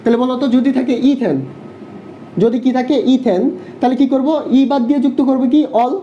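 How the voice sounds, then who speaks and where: Young guy teaching chem online, rapid fire q and a with himself, warm low-toned voice, dull lo-fi sound. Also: fairly even intonation, slight background noise. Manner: asks quick questions and answers them himself. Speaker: chemistry tutor. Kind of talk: online live class lecture. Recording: dull lo-fi online class audio.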